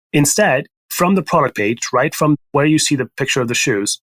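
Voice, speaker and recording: Man from Spain, podcast guest, brisk explanatory talk, mid pitch, dry close sound. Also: fairly bright tone, no room sound. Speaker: startup founder guest. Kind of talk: podcast interview.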